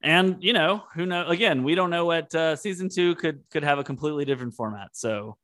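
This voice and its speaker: A man's voice: a little high, a little fast, fairly bright tone. A man co-hosting a podcast, talking in an earnest, reflective way as he thinks aloud. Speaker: podcast co-host. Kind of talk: casual heartfelt conversation.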